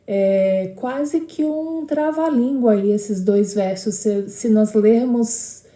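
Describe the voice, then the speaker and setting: A woman's voice: on the high side, slow pace, warm tone, reverberant. A woman teaching a lesson on poetic meter, explaining step by step and often checking in with short tag questions.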